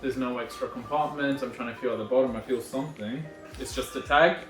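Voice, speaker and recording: A man's voice: medium pitch, steady tone, fairly quick. A man filming a casual unboxing walkthrough on his phone, talking in a rambling, wry way and correcting himself as he goes. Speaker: vlogger unboxing a backpack. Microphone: phone recording himself. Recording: echoey room on a phone mic, faint music behind.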